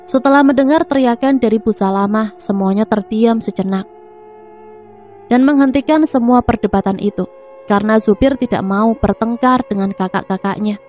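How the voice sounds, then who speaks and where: A woman narrating a scripted family drama in a steady, even reading voice. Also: on the high side, moderate pace. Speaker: storyteller. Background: faint music.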